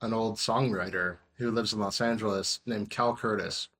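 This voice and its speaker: A man in his thirties talks as a podcast guest in an easygoing, wandering way. His voice sits on the lower side. He fills every pause with "um" and "like". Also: fairly even intonation, a bit bright. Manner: rambling, many fillers like "um" and "like". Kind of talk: casual interview chat.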